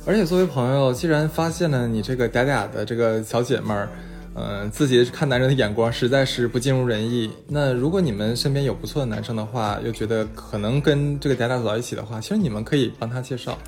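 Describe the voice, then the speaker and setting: A man's voice: mid-range voice, quick pace, darkish tone, faint music behind. A man co-hosting a chat show, agreeing often and adding his own views. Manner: agreeable, backchannels a lot. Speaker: podcast co-host. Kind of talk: casual chat.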